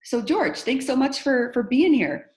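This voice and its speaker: A woman's voice: high-pitched, very animated, unhurried, darkish tone. A woman hosting an online conference interview, introducing her guest and asking questions in an upbeat, enthusiastic manner. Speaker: host.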